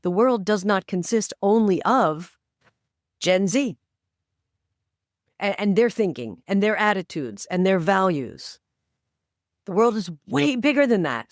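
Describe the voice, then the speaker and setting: A woman in her sixties, a podcast guest who advocates for inclusive AI, speaks emphatically and persuasively, urging listeners on during a conversational interview. Her medium-pitched voice is studio quality with no room sound.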